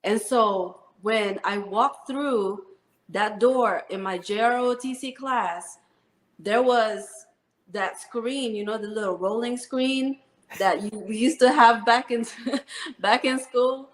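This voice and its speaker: A woman's voice: on the high side, slow pace, roomy sound. A woman in her thirties, from the Philippines and raised in New Jersey, an Army first sergeant telling her story in an interview with earnest, heartfelt talk and many fillers. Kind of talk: interview conversation.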